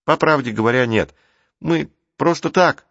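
A man's voice: fairly high pitch, unhurried, creaky, a bit bright, no echo, pitched above the performer's own voice. A man voicing a shy, polite boy. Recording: dry, dull lo-fi sound.

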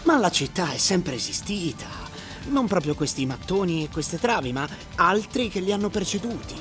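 A male actor with a high voice, speaking at normal speed, plays a condescending sleeping-car conductor in a theatrical radio drama. Calm and slyly evasive, he sounds smug and lecturing, patronizing, rhetorical and didactic, over a prominent music bed.

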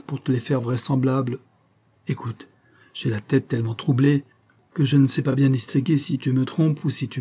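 A man's voice: mid-range voice, warm tone, slightly rough, lightly acted. A man voicing an anguished young woman defending herself to her lover in an audiobook, in urgent, pleading sentences.

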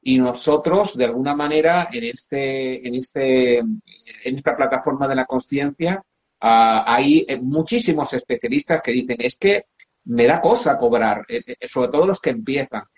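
A man's voice: medium pitch, a little slow, slightly rough. A man interviewing a guest, framing his questions hesitantly with many fillers.

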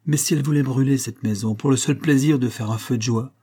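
A man reading an audiobook, voicing a hearty, impulsive young country gentleman devoted to his wife. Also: mid-range voice, fast talker, slightly rough, close to an everyday voice. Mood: fervent.

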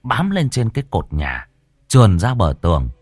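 Husky, lively storyteller. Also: male voice, on the low side, moderate pace, no room sound. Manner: expressive, theatrical delivery. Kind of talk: dramatic horror story narration.

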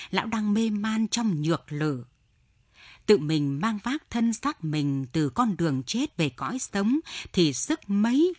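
A woman reading a story aloud in an expressive, dramatic narration. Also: on the low side, dry recording, studio quality. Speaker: audiobook reader.

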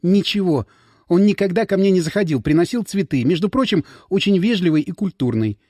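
A man's voice: high-pitched, expressive, a little fast, mellow, no echo, studio quality. A male narrator voicing a frightened young woman who pleads and dodges questions in an audiobook. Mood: defensive. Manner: pleading, defensive. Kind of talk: audiobook character voice.

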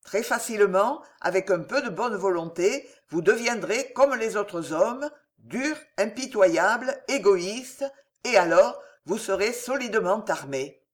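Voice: medium pitch, lively intonation, unhurried, natural voice. A reader voicing a stern old soldier father. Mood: lecturing. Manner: grave, lecturing. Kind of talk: audiobook character reading.

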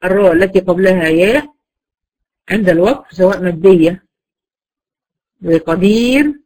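A woman's voice: fairly low pitch, normal speed, darkish tone, low-quality recording. A woman with an Egyptian accent teaching Quran recitation rules in an online class, explaining step by step and often checking that her students follow. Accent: Egyptian Arabic.

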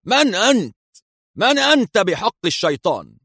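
Guy doing a screechy angry villain, yells a lot, high pitched, dry sound. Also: big pitch swings, normal speed, slightly rough, dry recording, full character voice. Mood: furious. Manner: yelling, high-strung. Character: furious, shouting European villain man. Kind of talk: audiobook character reading.

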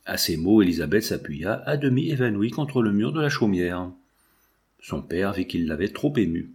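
A man's voice: lowish voice, lively intonation, a little mellow. Man narrating a classic novel. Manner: measured, literary reading.

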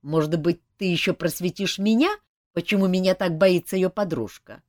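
A woman voicing a weary, blunt young king who grumbles in a gruff way. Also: high-pitched, normal speed, no room sound, studio quality, voice pushed up, natural voice. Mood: grumbling.

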